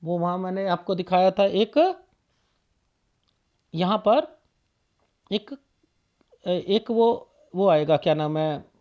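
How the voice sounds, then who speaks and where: A man's voice: sits high, animated, slow pace, long pauses, highs cut off. A man reading a palm aloud for viewers as a palmist, firing off rhetorical questions and repeating phrases for emphasis.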